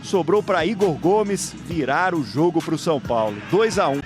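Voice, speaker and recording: Brazilian dude voicing scripted game recap, high pitched, clear music underneath. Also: male voice, lively intonation, normal speed. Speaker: football highlights narrator.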